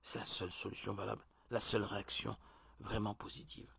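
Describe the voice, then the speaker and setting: A man giving a measured, deliberate religious teaching, like a sermon. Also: on the low side, completely flat delivery, creaky, bright, forceful tone, husky, no room sound, studio quality. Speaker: preacher.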